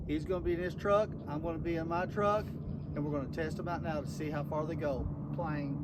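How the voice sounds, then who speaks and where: A folksy man with a higher voice hosts a gear review video, chatting casually to the camera as he field tests walkie-talkies outdoors and inside a truck. His intonation stays fairly even and he talks a little fast. The recording is noisy, with clear vehicle and outdoor sounds behind him.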